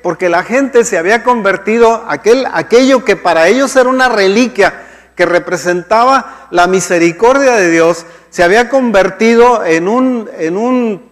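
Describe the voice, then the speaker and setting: A man with a fairly high voice delivers a sermon in a loose, conversational way. He repeats words as he searches for them and keeps checking in with his listeners. His voice rings out with the long reverb of a church hall. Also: normal speed. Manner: conversational, many restarts and "¿sí?" checks, acts out quoted complaints. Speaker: pastor.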